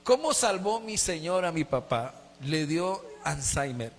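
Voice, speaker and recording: A man's voice: fairly high pitch, sing-song, a little slow. A middle-aged man, a Colombian pastor, preaching a sermon and telling a personal testimony with emotion and a lot of repetition. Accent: Colombian Spanish. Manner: emotional storytelling with heavy repetition. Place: church sanctuary. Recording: long church reverb.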